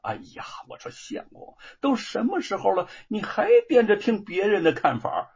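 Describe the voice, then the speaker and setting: A husky-voiced man voicing a worried young wife who scolds her husband in a storytelling performance. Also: high-pitched, huge pitch swings, moderate pace, pitched above the performer's own voice, heavily acted. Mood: anxious scolding. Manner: fretful, scolding. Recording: dull lo-fi recording.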